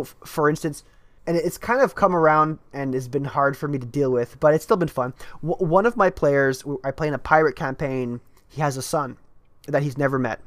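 A man chatting about running tabletop role-playing games, telling stories with lively energy and frequent restarts. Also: on the high side, no echo. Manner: animated storytelling, many restarts. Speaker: podcast co-host and game master.

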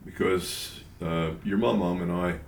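Echoey room, older guy w lowish voice, plainspoken n a bit halting, just sharing his story. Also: big pitch swings, gravelly, slight background noise. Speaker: interview guest. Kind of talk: casual personal testimony. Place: room at home. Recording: roomy, echoing indoor sound.

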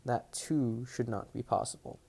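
A man reading aloud, voicing an old male centaur teacher, grave and regretful, in a quiet, solemn way. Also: medium pitch, fairly even intonation, unhurried, gravelly, husky.

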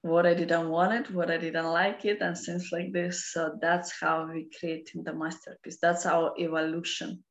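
Woman, Russian accent, slightly low pitch, slow pace, halting non-native phrasing, unscripted philosophical explaining. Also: little pitch movement, lo-fi sound. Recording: roomy, echoing sound.

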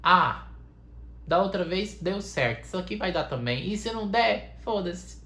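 A woman hosting a podcast, leading a playful mock guided meditation with long sighs and slow drawn-out phrases. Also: fairly low pitch, expressive, fairly bright tone. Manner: sighing mantra-like "ai, ai", slow drawn-out soothing phrases, swearing offhandedly. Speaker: podcast host. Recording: roomy echo.

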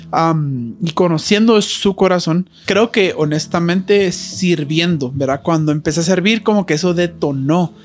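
A man's voice: fairly high pitch, a little mellow. A man, a guest on a casual faith podcast, telling personal stories in an earnest, chatty way with lots of fillers.

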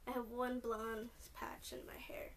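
Young woman, Californian accent, podcast host; casual rambling, fillers everywhere, slightly high voice, distant mic. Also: little pitch movement, measured pace. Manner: rambling, lots of "like" and "um", restarts often. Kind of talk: rambling solo podcast chat. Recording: distant mic with faint noise.

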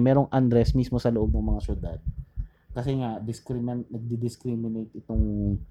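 A man casually talking through history, rambling and pausing to search for names, mixing English into his Tagalog. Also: medium pitch, highs cut off. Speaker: podcast co-host.

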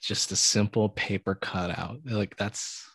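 A man's voice: fairly low pitch, normal speed, slightly rough, no room sound. A man hosting casual, humorous commentary on old commercials in a wry, mock-analytical way. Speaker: host.

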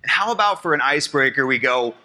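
A man's voice: mid-range voice, expressive, fast talker, bright, forceful tone. A man moderating a panel, encouraging the guests and laughing often.

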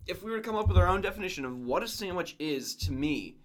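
A man's voice: high-pitched, lively intonation, fast talker. A man co-hosting a podcast in casual chat, probing with questions and restarting his phrases. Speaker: podcast co-host.

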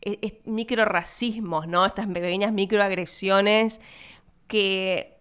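A young Argentine woman, not from Buenos Aires, hosting a podcast and chatting casually about a film, laughing and speaking quick asides to her listeners. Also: mid-range voice, steady tone, a bit bright, clean tone. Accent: Argentine Spanish, not Buenos Aires. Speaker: podcast host.

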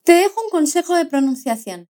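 A woman teaching a language lesson, modelling words slowly and clearly with encouraging prompts to repeat. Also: very high-pitched, lively intonation, dark tone. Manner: slow, carefully modelled repetitions with encouraging prompts. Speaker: Spanish pronunciation teacher. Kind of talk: scripted language lesson narration.

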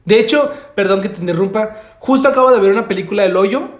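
Excitable Mexican man in an echoey room. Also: sits high, quick pace. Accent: Mexican Spanish. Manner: excitable, swears freely, thinks aloud with repetitions. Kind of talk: casual conversation. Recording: roomy echo.

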